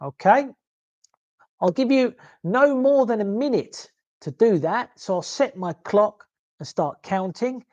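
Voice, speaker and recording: Animated teacher checking in with learners. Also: male voice, sits high, a little slow, muffled recording. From London. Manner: animated, checks in with listeners, okay and yeah. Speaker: English exam teacher. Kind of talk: online lesson on a video call.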